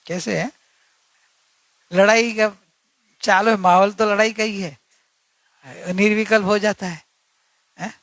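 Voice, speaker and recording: A man's voice: sits high, steady tone, measured pace, pauses often, a bit bright, no room sound. A man giving an earnest religious discourse, repeating key points and asking rhetorical questions. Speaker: spiritual teacher.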